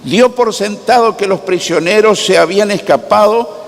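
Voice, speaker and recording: A man preaching a sermon, slow and dramatic, sometimes rising to a near shout. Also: high-pitched. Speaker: pastor. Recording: long hall reverb.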